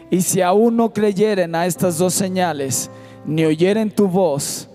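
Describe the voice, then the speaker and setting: A Mexican man preaches in a church auditorium with a high voice, his lines rising with fervor and at times half-sung. Faint instrumental music plays softly behind him. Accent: Mexican Spanish. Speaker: pastor. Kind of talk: sermon.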